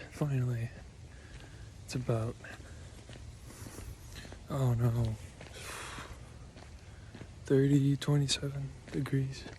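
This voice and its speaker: A young man with a Minnesotan accent talks slowly through a rambling outdoor vlog, his voice mellow and darkish. He swears freely and fills his sentences with "uh" and "um". Faint outdoor noise sits behind him. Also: mid-range voice. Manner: rambling, swears a lot, filler-heavy, self-deprecating. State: tired. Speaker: vlogger. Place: outdoors in a cold park.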